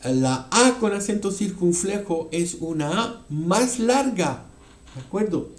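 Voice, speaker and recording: A man's voice: high voice, lively intonation, takes it slowly, roomy sound. A man teaching a French pronunciation lesson, repeating words aloud several times and often checking in with his students. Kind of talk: explanatory language lesson.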